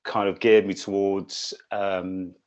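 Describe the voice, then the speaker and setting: A young man from England, a construction manager giving a steady online talk over a video call, with a few fillers. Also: sits low, takes it slowly. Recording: dull lo-fi video call audio.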